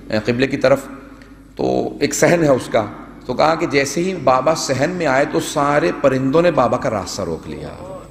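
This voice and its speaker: A man, a cleric, delivering a mourning sermon to a gathering, recounting the story earnestly and appealing to his listeners. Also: medium pitch. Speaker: Shia cleric addressing a majlis. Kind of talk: mourning sermon, narrating tragedy. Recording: echoey hall with long reverb.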